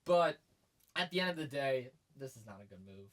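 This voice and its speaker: A man's voice: medium pitch, brisk. A man co-hosting a sports podcast, chatting casually and getting emphatic and hyped as he argues his points. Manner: energetic and emphatic, gets loud and hyped.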